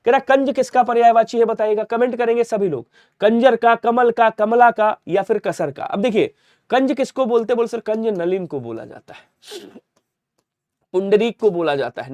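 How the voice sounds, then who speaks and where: High-voiced man drilling a Hindi lesson. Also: darkish tone, no echo. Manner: repetitive drilling, asks then answers for students. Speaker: online exam-prep Hindi teacher. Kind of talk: rapid-fire grammar lesson.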